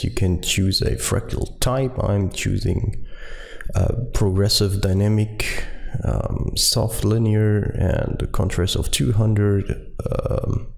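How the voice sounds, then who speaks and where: A German native speaker with a German accent hosts a software tutorial, walking through it step by step with plenty of ums and uhs. His voice is fairly low and gravelly.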